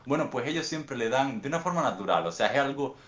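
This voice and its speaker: A young Cuban man with a Cuban accent talks through his answers in an unhurried, reflective way, often circling back to restart a phrase. His voice sits at an ordinary middle pitch. It carries a noticeable roomy echo. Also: lively intonation, fairly bright tone, muffled recording. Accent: Cuban Spanish. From Cuba. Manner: thoughtful, unhurried storytelling with frequent restarts. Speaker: guest author.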